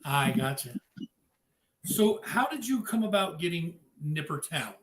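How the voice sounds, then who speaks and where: Un animateur masculin enjoué et bavard, voix assez aiguë, dans une pièce qui résonne. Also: male voice, on the high side, big pitch swings, a little slow. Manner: upbeat, chatty, gives shout-outs to viewers. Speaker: podcast host. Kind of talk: live-streamed interview. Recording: echoey room with faint noise.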